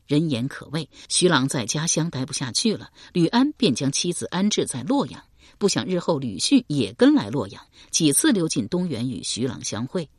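A woman reading a historical mystery novel aloud with steady, measured pacing. Her voice is low and husky, and her pitch moves in a lively way. The recording is close and dry. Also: no room sound. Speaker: audiobook narrator.

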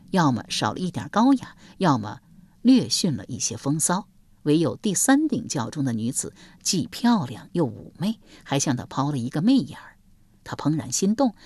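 A woman's voice: sits low, slightly rough, no room sound. A woman narrating a historical novel as an audiobook, telling it expressively. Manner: expressive storytelling.

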